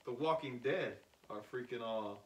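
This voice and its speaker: A man's voice: medium pitch, normal speed. A man co-hosting a podcast in casual chat, rambling and joking with filler words. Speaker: podcast co-host. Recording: echoey room, mic at a distance.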